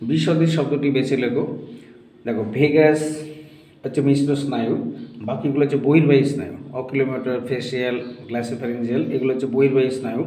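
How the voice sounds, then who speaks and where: A male tutor works through a test paper question by question, patiently explaining each answer and pausing to check that his students follow. His voice is dark and mellow. The recording carries a noticeable room echo. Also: mid-range voice, fairly even intonation. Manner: explains step by step, checks in with "ঠিক আছে?". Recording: echoey room.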